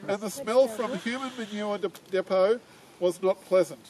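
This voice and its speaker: A man's voice: high-pitched, normal speed, crowd noise, rough recording. An older Australian man leading a walking tour outdoors, reading history from notes with frequent ums and restarts. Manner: reads aloud from notes, with many ums and restarts. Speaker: tour guide. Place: outdoors on suburban streets. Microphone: far camera. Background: street noise and traffic.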